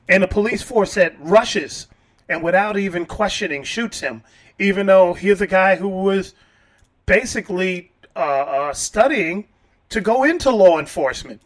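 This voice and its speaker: A male radio host with a fairly high voice leads the interview at a measured pace. He pauses thoughtfully and picks his words with care.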